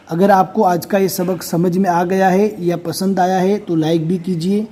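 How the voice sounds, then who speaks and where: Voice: mid-range voice, dark tone, slightly rough. A Quran reading teacher giving a recorded step-by-step lesson, who explains patiently and then sounds out syllables one at a time.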